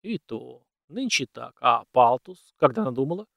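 A man's voice: medium pitch, big pitch swings, moderate pace, vocal fry, fairly bright tone, no echo. A cautious old male servant speaks plainly and folksily, as a man narrating a storybook voices him. He is dutiful and a little nervous before his master. The voice is close and dry. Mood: homely.

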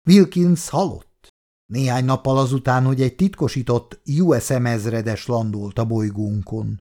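A man's voice: mid-range voice, mellow, natural voice. Man reading suspicious male colonist, grumbling, muttered.

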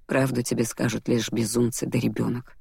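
A woman voicing a calm, weary male nobleman who speaks in a quiet, measured way. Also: a bass voice, vocal fry, slightly rough, dry recording, clean studio sound, exaggerated voice. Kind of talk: audiobook character voice.

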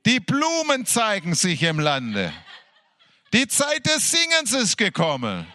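A man in a worship service reading scripture with fervour, slowly drawing out his words and breaking into hallelujahs and laughter. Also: high voice, wildly swooping pitch, bright, forceful tone. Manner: fervent, exclaiming hallelujahs, laughing between verses; slow, drawn-out delivery. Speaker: worship leader.

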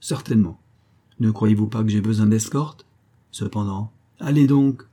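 A bold, swaggering musketeer officer barks curt orders and mocking scolds, as a male audiobook reader puts him on. The voice sits in a dark, mellow register with a husky edge, raised a little above the reader's own. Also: on the low side, normal speed, lightly acted. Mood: curt, commanding. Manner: brusque, commanding, mocking. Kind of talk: audiobook character voice.

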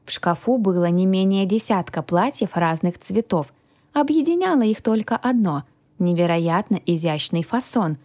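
A woman reading a first-person fantasy audiobook, lively and voicing the dialogue. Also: lowish voice. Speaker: audiobook narrator.

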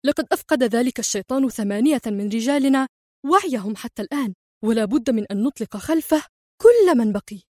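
A woman's voice: a little high, expressive, fast talker, mellow, dry recording. A woman reading an annoyed mafia lieutenant, curt and exasperated, dry mic. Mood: irritated. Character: irritated male mafia lieutenant.

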